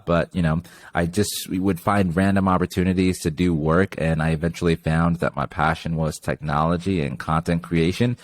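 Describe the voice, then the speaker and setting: A young man from Zimbabwe chats easily as a podcast guest, his voice sitting very low. The sound is dry and close, and he keeps dropping in loose filler words. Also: no echo. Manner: relaxed, chatty, lots of "like" fillers. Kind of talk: casual interview chat.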